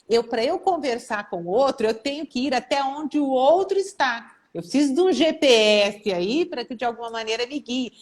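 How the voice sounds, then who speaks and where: A middle-aged Brazilian woman, a therapist hosting a live stream, speaks in a slightly high voice. She tells cases with animated energy and slips into the voices of mothers and teenagers as she quotes them. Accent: Brazilian Portuguese. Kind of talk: casual live-stream talk.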